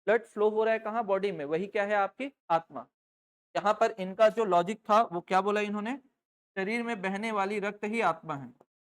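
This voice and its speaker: A woman teaching a live online class. She keeps asking the class questions and then answers them herself, and she dictates notes slowly, word by word. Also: medium pitch.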